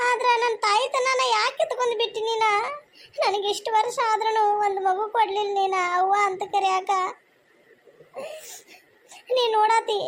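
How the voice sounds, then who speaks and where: [name], a woman voicing a tearful pleading wife. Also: extremely high pitch. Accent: North Karnataka Kannada. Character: devout childless young wife, tearful and pleading.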